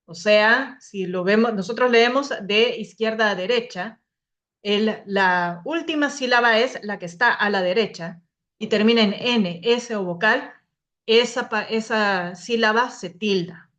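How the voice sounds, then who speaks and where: Young woman, teacher, grammar lesson, slow unhurried delivery, patient, restarts words. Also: medium pitch, fairly bright tone, muffled recording. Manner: explains patiently, often restarting words and saying "entonces". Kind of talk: spoken grammar lesson to a class.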